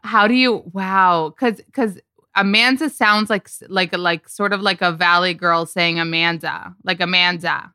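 Chatty woman podcast host, bright dry voice. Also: medium pitch, fairly even intonation, unhurried, clean tone, dry recording. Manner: chatty, lots of "like" fillers. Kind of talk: casual celebrity gossip chat.

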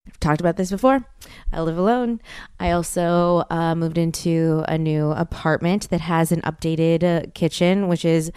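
Young woman, podcast host. Clean, lowish voice, slangy and blunt, casual solo chat. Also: fairly even intonation, moderate pace, a little mellow, smooth, no room sound, clean studio sound.

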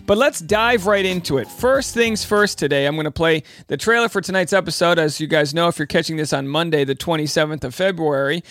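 Male podcast host, casual and chatty, higher-set voice, close dry sound. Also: fairly quick, few pauses, a bit bright, no echo. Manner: chatty, informal. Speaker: podcast host and stand-up comic. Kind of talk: casual entertainment commentary.

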